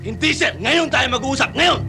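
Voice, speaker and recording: A man's voice: very high-pitched, normal speed, vocal fry. An actor playing a hot-tempered young soldier who is grieving and drunkenly angry at his officer, in a film with music underneath. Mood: drunk, furious. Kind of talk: film acting.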